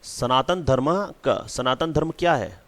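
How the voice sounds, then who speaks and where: Man, teacher, repetitive explaining, frequent check-ins, mid pitch. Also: a little slow, fairly bright tone. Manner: repeats key words, frequent "theek hai" check-ins. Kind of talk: explaining a school lesson.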